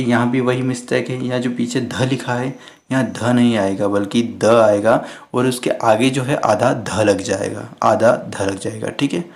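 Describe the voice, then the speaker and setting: Hindi teacher explaining step by step. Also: male voice, medium pitch, darkish tone. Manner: explains step by step, asks and answers his own questions; keeps checking in with a repeated "okay". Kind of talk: spelling lesson for exam students.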